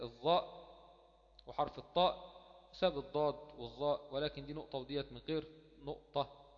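Egyptian man lecturing in a reverberant hall. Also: on the high side. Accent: Egyptian Arabic. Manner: repeats key words and poses himself rhetorical questions. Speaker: teacher of Quran recitation. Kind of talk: explanatory lecture. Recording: dull lo-fi sound with long hall reverb.

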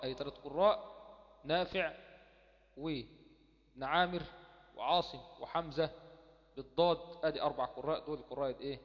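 A man with an Egyptian Arabic accent and a fairly high voice teaches recitation in a patient lecture. He repeats key words and poses questions that he then answers himself. The recording is dull and lo-fi, with a long reverb tail from a large hall. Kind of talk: explanatory lecture.

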